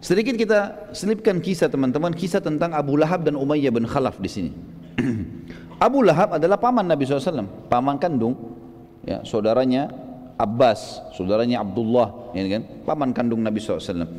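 A man preaching a sermon, telling a story in a lively way and acting out the shouts of the people in it. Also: mid-range voice, quick pace, in a large hall. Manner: animated storytelling, acts out shouts in quoted lines. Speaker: Islamic preacher.

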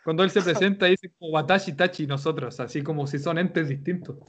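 A man with a Chilean accent, teaching Japanese and giving relaxed, joking feedback in an online class. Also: a little high, a little fast. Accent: Chilean Spanish.

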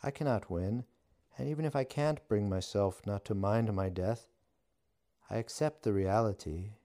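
A man voicing a witch who speaks deadpan and teasing, with a wry edge. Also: fairly low pitch, moderate pace, pitched above the performer's own voice, lightly acted. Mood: resigned. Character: wry, deadpan witch facing death, woman.

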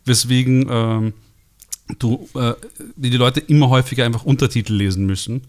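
A man's voice: mid-range voice, fairly even intonation, brisk. A man co-hosting a radio comedy show, mumbling his words through absurd banter. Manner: mumbling, spirals into gory rants.

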